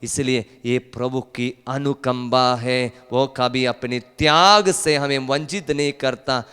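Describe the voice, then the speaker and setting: A man's voice: medium pitch, steady tone, slow, clear, resonant tone, long reverb tail. A male priest, preaching a rousing sermon at a family retreat and urging the crowd to call out hallelujah. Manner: rousing, calls for hallelujah, rises to loud emphatic peaks. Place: large hall at a retreat.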